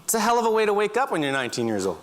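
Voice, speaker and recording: A middle-aged man telling vivid second-person stories on a stage, breaking into loud shouts. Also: sits high, huge pitch swings, very fast, a little hiss or hum. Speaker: speaker. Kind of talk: storytelling talk. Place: auditorium stage.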